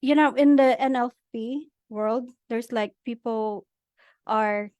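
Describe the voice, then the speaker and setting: A middle-aged woman from the Philippines speaks earnestly as an interview guest, filling her sentences with little pauses and fillers. Her voice sits a little high. The sound is dry and close, with no room around it. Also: a little mellow, no echo. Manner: earnest, agreeable, many fillers. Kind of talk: personal life story in an interview.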